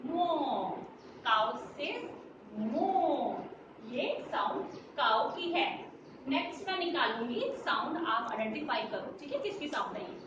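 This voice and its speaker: The recording, roomy, distant, dull, and noisy, captures a woman teaching nursery children. Her fairly high, expressive voice moves at normal speed in a sing-song style as she mixes Hindi with English and asks the class questions.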